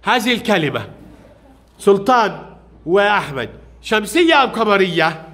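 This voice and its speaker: A male primary teacher runs a reading drill in a classroom, firing off brisk questions and praising each child's answer. His voice sits very high for a man, with a bright, forceful edge. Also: sing-song. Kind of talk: classroom lesson with young pupils.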